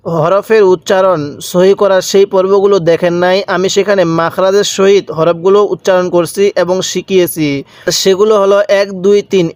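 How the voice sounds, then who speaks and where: A man with a fairly high voice leads a patient recitation lesson, stretching each syllable and repeating letter sounds so the listener can follow along. His voice sounds close and dry, with no room around it. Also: a little mellow, clear, resonant tone, no room sound. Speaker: Quran reading teacher.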